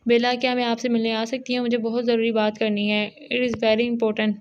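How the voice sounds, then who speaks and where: Audio novel: childlike teen girl, sulky, read by a woman in a flat, light voice. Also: on the high side, normal speed, dull audio, natural voice. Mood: playful. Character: childish, innocent teenage girl nearly eighteen. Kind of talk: audio novel character reading.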